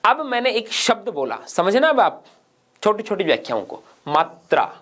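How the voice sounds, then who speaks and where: A man's voice: high voice, wildly swooping pitch, moderate pace, fairly bright tone. A man teaching a grammar lesson for exam students, asking questions and answering them himself and repeating key points. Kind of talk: exam-prep grammar lecture.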